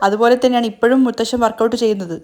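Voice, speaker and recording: A proud grandfather in his sixties who teases and boasts about his strength, read plainly by a woman. The voice stays fairly high and close to her own, told as a spoken story recap. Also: fairly even intonation, racing, darkish tone, lightly acted. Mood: boastful.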